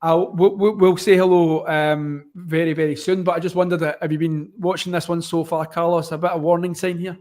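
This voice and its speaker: Male sports stream host, broad Scottish accent, slightly higher-pitched voice, casual and hesitant, wordy live commentary. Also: flat delivery, a little fast, few pauses, darkish tone. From Scotland. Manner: hesitant, wordy, often rewording mid-sentence.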